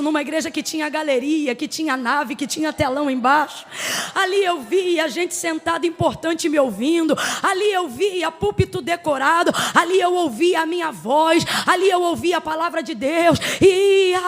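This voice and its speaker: High, gravelly-voiced woman preaching fervently. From Brazil. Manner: dramatic storytelling, building to shouted exhortation. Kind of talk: emotional sermon. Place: church congregation.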